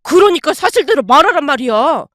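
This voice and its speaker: A woman playing a furious middle-aged ex-husband who shouts and accuses. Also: sits high, sing-song, a little fast, dry recording, studio quality. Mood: shouting.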